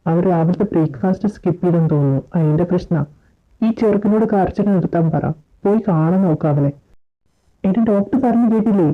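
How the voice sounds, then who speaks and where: A woman's voice: on the low side, a little fast. Woman acting out a fan story, phone-like sound. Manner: dramatic, switching between character voices. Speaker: storyteller voicing all characters. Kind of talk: acted fan audio story. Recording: phone-like lo-fi audio with faint music.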